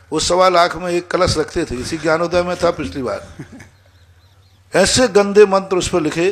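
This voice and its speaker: Male monk, sermon with stories, emphatic scolding delivery, higher-pitched voice. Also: fairly bright tone. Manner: scolding, emphatic, acts out dialogue. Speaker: Jain monk answering questions. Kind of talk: sermon with storytelling.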